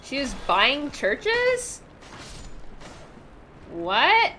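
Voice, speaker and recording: A woman streaming a game and chatting through it in casual commentary. Her voice is bright and a little high, and it swings widely as she reacts to chat and laughs often. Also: huge pitch swings, very slow, slight background noise.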